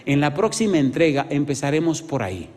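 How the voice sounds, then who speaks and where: A man preaching an evangelistic sermon, swinging between loud exclamations and hushed pleading and asking the congregation many rhetorical questions. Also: fairly high pitch, big pitch swings, a little fast. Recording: reverberant hall sound.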